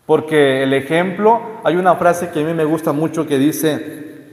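A man's voice: fairly high pitch, a little slow, a little mellow. A man, a priest, giving a conversational homily and asking his listeners rhetorical questions. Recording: echoey hall reverb.

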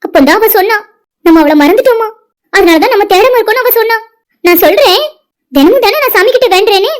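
A woman's voice: very high voice, lively intonation. A woman voicing a grieving cartoon mother who pleads about her lost daughter. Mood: pleading. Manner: pleading, fast. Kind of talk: cartoon voice acting.

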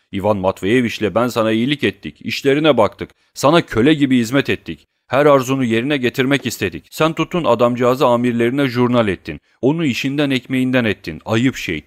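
A man reading an audiobook, voicing a coarse, bullying male swindler who rants and hurls insults loudly. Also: on the low side, dry recording, clean studio sound, natural voice. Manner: loud, abusive ranting.

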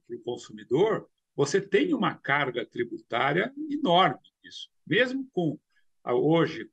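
Gravelly, husky older man on a video call. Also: mid-range voice, a bit bright. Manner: explanatory, hesitant with repeated fillers. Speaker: commentator. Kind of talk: remote news commentary. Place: home study with bookshelves.

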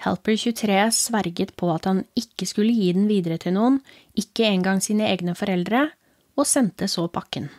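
A woman with a Norwegian accent reading a horror story aloud as a podcast host, in a calm, low, steady storytelling voice. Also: no room sound, studio quality. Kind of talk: scripted horror story narration.

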